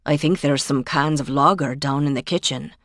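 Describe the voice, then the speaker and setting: A woman's voice: low voice, fairly even intonation, moderate pace, no echo, studio quality, close to an everyday voice. A woman narrator voicing an easygoing, joking heir to an old estate in a cozy mystery audiobook, with a light, teasing manner.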